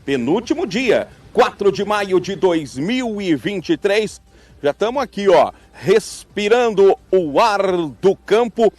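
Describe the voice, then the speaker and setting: A man reporting live outdoors from a farm fair, joking and teasing his guests with quick questions. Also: high-pitched, lively intonation, darkish tone, dry recording. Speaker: field reporter and host.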